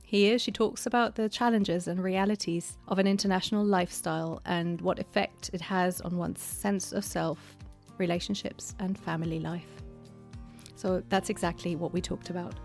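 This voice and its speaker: A woman's voice: lowish voice, steady tone, normal speed, creaky, faint music behind. A woman hosting a podcast interview, enthusiastic, laughing often and restarting her phrases. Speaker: podcast host.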